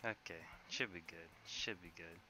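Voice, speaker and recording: A quiet man with a monotone, deadpan delivery, chatting casually over his game stream. His voice is fairly low yet bright and sharp, with music playing faintly behind him. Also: moderate pace.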